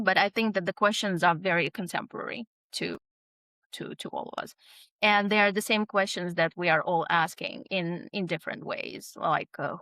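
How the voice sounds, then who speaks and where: Pushed and bright at a medium pitch, this woman's voice is captured very dry, without any echo. She's an author who moved here from abroad around twenty-two, appearing as a guest in a relaxed interview. She hesitates a lot, restarting and using many fillers.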